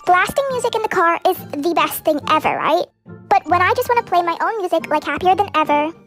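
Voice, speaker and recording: A woman's voice: very high-pitched, expressive, fairly quick, a bit bright, faint music behind. A young woman ranting in a chatty, exasperated vlog monologue. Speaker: vlogger. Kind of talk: relatable storytime monologue.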